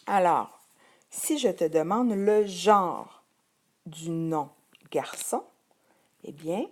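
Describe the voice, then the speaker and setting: A middle-aged woman with a Québécois French accent guides young children through a spelling list. Her voice is mellow and sits fairly low. She speaks very slowly and repeats each word with patient care. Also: animated. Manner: slow, patient, repeats words carefully. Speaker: teacher. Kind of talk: vocabulary lesson for children.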